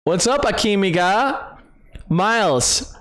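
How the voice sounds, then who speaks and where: A man hosting a live gaming stream, chatting with viewers, excitable, laughing often and repeating himself. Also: sits high, takes it slowly. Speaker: streamer host. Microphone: desk microphone.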